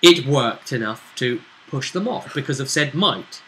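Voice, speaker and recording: A man serving as game master and host of a vidcast casually recaps a tabletop role-play session, checking in with his player along the way. His mid-range voice is expressive and fairly bright, and he speaks unhurriedly. Faint background noise can be heard.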